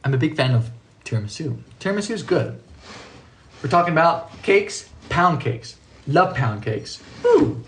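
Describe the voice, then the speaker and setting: Animated joking man hosting a baking stream. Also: a little high, normal speed, slight background noise. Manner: playful, joking, laughs often. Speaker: live-stream baking host. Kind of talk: casual live-stream chat, reading viewer comments. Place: home kitchen.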